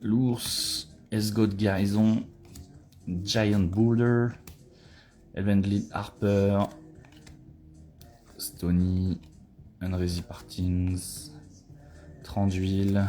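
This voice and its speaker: A man chatting casually during a live booster opening, excitable and swearing when he pulls a good card. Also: low-pitched, drawn-out words, pauses often, slight background noise.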